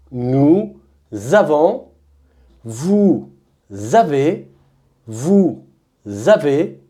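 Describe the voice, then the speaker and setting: A mellow, fairly low-pitched woman with a French accent walks through verb conjugations as a drill. She articulates each form slowly and emphatically and then repeats it.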